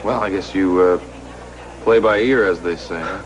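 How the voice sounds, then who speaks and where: An actor playing a friendly grown son in a television soap opera, casual, sincere and a little hesitant. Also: male voice, deep voice, moderate pace, highs cut off, a crowd in the background, natural voice. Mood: friendly, curious. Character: friendly grown son, back at his family home. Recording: clear background music under dialogue.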